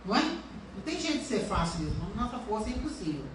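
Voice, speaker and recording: Recorded from afar in a church, a woman pastor preaches earnestly, asking her congregation rhetorical questions. Her fairly high voice swings widely in pitch and moves fast, with heavy reverb and a little hiss or hum.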